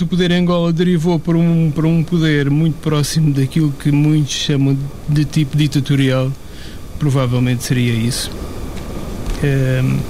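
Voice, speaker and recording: A man commenting in a casual discussion, measured and analytical, with some fillers. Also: on the high side, darkish tone, a little hiss or hum.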